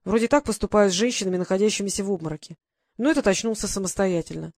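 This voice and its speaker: A woman narrating a first-person adventure novel in an even, measured storytelling manner. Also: mid-range voice, no echo, clean studio sound. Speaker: audiobook reader.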